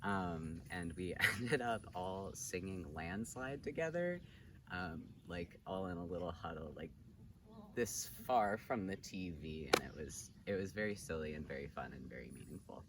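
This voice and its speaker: Young male volunteer, very low voice, slow and halting, taped from afar with background noise. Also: lively intonation. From San Francisco Bay Area. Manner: unhurried, halting with fillers. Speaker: service corps member. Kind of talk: personal reflection to camera. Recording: distant mic, noisy background.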